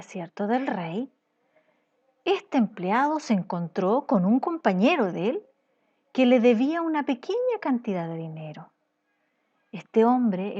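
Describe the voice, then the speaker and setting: Slow patient woman telling children a story. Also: fairly high pitch, darkish tone, dull audio. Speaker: children's class teacher.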